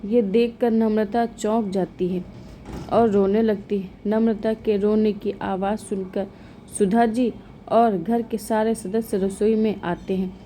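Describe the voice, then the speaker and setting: A woman narrating a scripted moral story in a calm, even storytelling manner. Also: medium pitch, measured pace, slight background noise.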